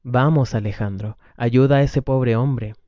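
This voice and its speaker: A man reading the lines of a weary wife and mother, gentle with the children and hurt with her husband, on a dull lo-fi recording. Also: mid-range voice, measured pace, no room sound, close to an everyday voice. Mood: soothing.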